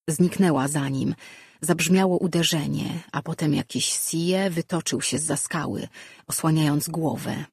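A man reads a fantasy story aloud in a calm, steady way. His voice is husky, sits at a middle pitch, and sounds dry and close to the mic. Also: no echo. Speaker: audiobook narrator. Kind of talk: scripted fantasy narration.

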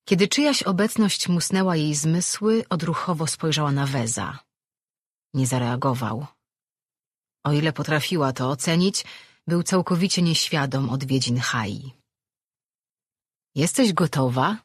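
An audiobook narrator reading a fantasy novel in a steady, measured way, in a dry studio recording. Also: medium pitch, breathy edge, no echo.

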